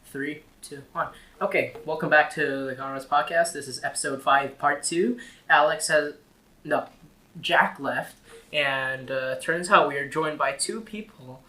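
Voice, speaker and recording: A man's voice: a little high, a little slow, bright, forceful tone. A teenage boy co-hosting a casual podcast with friends, rambling, giggling and swearing often. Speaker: podcast co-host. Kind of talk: casual chat among friends. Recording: echoey room.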